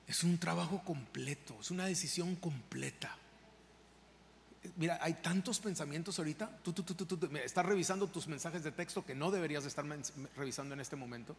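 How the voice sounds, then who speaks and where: A man, a pastor preaching an impassioned sermon straight at his congregation in a church. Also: a little high. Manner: impassioned, direct address to the congregation. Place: church sanctuary. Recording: long reverb of a large hall, faint background noise.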